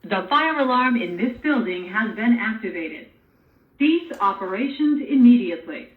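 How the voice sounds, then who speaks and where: A woman's recorded emergency announcement played over a fire alarm loudspeaker, giving measured, formal instructions. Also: fairly high pitch, animated, far from the mic. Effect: played through a fire alarm loudspeaker. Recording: tinny alarm speaker heard from across a room, faint hiss.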